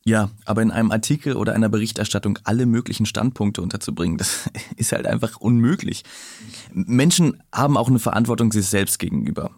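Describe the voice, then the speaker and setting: A low, gravelly journalist. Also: male voice, fast, a little mellow, dry recording, studio quality. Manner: composed, argumentative. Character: journalist defending his publisher.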